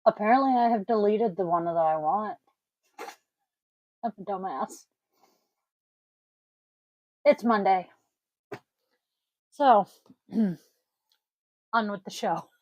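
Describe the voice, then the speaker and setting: A woman with a wheezy voice talks at an unhurried, slow pace. She rambles casually and haltingly like a home vlogger, poking fun at herself. The sound is close and dry. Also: medium pitch, dry recording, highs cut off. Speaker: host of a divination vlog. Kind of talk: casual, rambling chat to viewers. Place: indoors at a desk.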